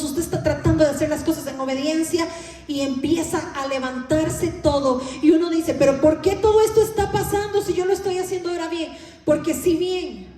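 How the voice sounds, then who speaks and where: Lady preaching, high voice, acts out voices in her stories, big echoey church. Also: warm tone, slight background noise. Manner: storytelling with acted-out voices. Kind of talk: sermon.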